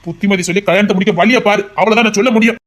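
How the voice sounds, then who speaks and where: An actor playing a stern middle-aged father who scolds his son about marriage in a fast, insistent voice. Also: high voice, steady tone, fairly bright tone. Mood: scolding. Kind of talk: amateur audio drama.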